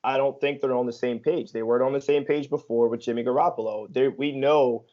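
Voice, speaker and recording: A man's voice: mid-range voice, fairly even intonation, brisk, mellow. Joking sports podcast man, muffled. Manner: joking and teasing, lots of ums and filler. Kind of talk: casual sports chat. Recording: dull lo-fi podcast audio.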